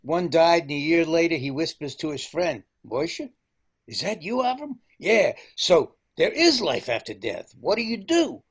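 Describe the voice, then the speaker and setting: A gravelly, husky old widower tells a joke slowly, his lively voice rising and dipping as he plays each part. with a wry, unhurried delivery. The voice sounds a little distant. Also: a little high, exaggerated voice. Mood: joking. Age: older. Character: grieving elderly widower telling jokes.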